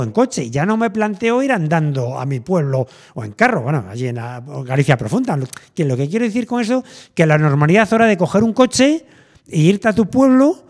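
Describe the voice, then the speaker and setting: A middle-aged man from Spain chatting casually and thinking aloud, rambling with many fillers and restarts. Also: high-pitched. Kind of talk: casual chat.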